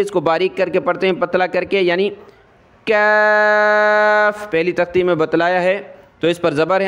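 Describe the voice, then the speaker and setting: A man teaching Quran reading step by step, stretching out sounds in slow recitation between plain explanations, and asking the learner questions before answering them himself. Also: sits high.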